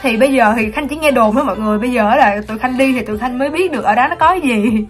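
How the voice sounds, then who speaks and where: A young woman talks very fast in a fairly high voice with a Southern Vietnamese accent. In her casual travel vlog, she films herself at arm's length at an outdoor shopping mall and addresses viewers with enthusiasm as background music plays.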